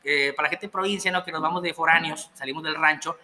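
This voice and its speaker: A young Mexican man spins a rambling party story at a rapid clip, full of slang and swearing. His voice is sharp and very bright, slightly high for a man, and he laughs through his own punchlines. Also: fairly even intonation. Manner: profane, slangy, laughs while telling stories. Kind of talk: casual storytelling chat.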